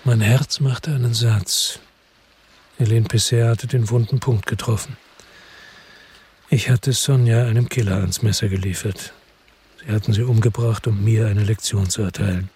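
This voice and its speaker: An actor voices a bitter, brooding loner, embittered and defiant, in a radio crime drama narrated in the first person, his lines terse, sardonic and evasive. The voice is natural, on the low side and a little mellow, with fairly even intonation and a moderate pace over slight background noise.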